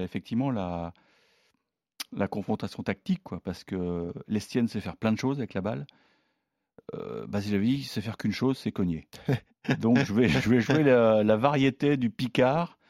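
A man with a lowish voice gives tennis betting tips in a loose, animated way. He hesitates with fillers and slips in laughing asides. The recording is dry and close. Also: moderate pace, no echo. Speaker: tennis pundit. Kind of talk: casual chat.

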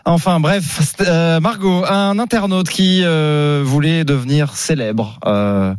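A man hosting a live radio morning show, chatting casually and introducing his columnists, with a relaxed manner and many hesitant fillers. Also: on the high side, slow, smooth, no room sound. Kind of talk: live radio talk and call-in. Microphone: studio microphone.

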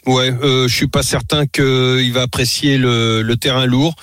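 Halting male racing pundit, dry mic. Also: mid-range voice, level tone, a bit bright, no room sound. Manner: halting, repeats words while thinking. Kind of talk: tipster chat on live radio. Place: radio studio.

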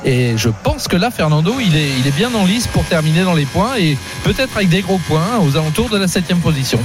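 Commentateur automobile, voix d'homme assez haute. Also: male voice, sits high, sing-song, fairly quick, noisy background. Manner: talkative, analytical, with frequent conversational tags. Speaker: motorsport commentator. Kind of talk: live motor racing commentary.

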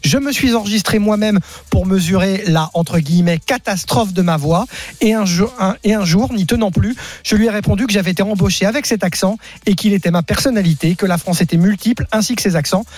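A man with a notably high voice reads listeners' messages aloud on live radio. The studio sound is close and dry, with no room echo. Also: fast, darkish tone. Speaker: radio show contributor reading listener messages.

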